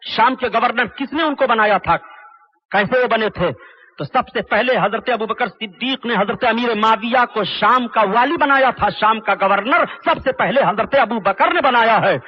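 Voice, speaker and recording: A man preaching an impassioned religious sermon, declaiming forcefully and chanting Arabic quotations. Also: high-pitched, breathy edge. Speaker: Islamic preacher. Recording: dull lo-fi sermon recording.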